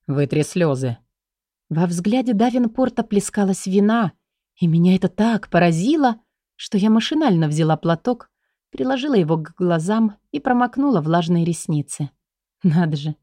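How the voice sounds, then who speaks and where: A woman calmly narrating a story in the first person. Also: medium pitch, no room sound, studio quality. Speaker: audiobook narrator.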